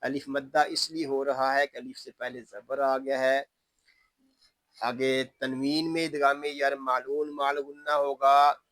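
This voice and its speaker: A man teaching Quran recitation rules word by word, patiently explaining each rule and chanting the verses in long, drawn-out tones. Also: medium pitch, a bit bright, dry recording. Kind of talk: tajweed lesson, word by word.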